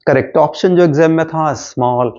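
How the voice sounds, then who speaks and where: A man teaching English vocabulary for exams, slowly spelling out and repeating each word. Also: a little high, darkish tone, highs cut off. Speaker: English teacher for exam prep. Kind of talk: vocabulary lesson, spelling words letter by letter.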